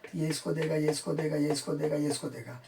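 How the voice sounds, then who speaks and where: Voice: mid-range voice, completely flat delivery, fast, gravelly, mellow. A maths teacher explaining a classroom lesson step by step. The teacher repeats each point and keeps checking that students follow, saying numbers in English. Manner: counts numbers out in English within Hindi talk. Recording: echoey room, voice from far off.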